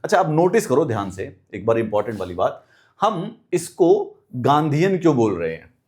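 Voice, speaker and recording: Speaking with a mouth ulcer, an emphatic exam-prep teacher lectures his class in a blend of Hindi and English. His mid-range, darkish voice is very animated at a normal speed, and he keeps repeating key phrases and asking rhetorical questions.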